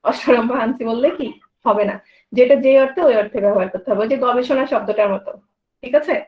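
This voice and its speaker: A woman with a high voice and a Bangladeshi Bengali accent teaches a grammar lesson, repeatedly asking her students questions and answering them herself. She talks fast, and the sound is lo-fi.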